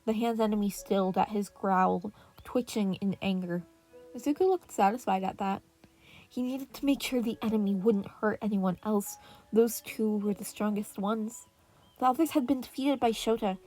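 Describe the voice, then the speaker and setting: Reading fan fiction from a script, this woman narrates a podfic at a moderate pace, her medium-pitched voice warm in tone. Soothing piano music and birdsong fill the background.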